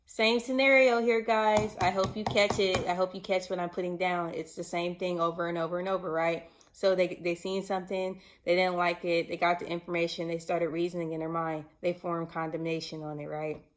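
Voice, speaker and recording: A woman's voice: on the low side, flat delivery, fairly quick, few pauses. A woman teaching scripture in a casual online sermon, emphatic and conversational, putting questions to her listeners. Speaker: bible teacher.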